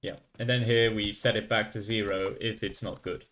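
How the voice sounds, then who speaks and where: Here a young streamer from France, lightly accented, works through code aloud and chats with his livestream audience in a casual session. His fairly low, slightly bright voice shows little pitch movement and keeps a moderate pace.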